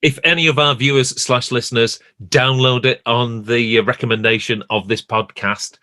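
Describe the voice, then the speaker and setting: A man's voice: mid-range voice, steady tone, moderate pace, pushed and bright, no room sound, clean studio sound. A man chatting casually as a podcast co-host, often restarting phrases as he thinks aloud.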